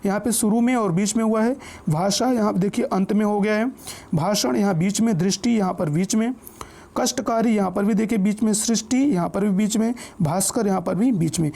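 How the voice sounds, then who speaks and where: A man's voice: high-pitched, brisk, creaky, warm tone. A man teaching an exam-prep grammar lesson, explaining step by step and reading out lists of example words. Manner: checks in often with the listener.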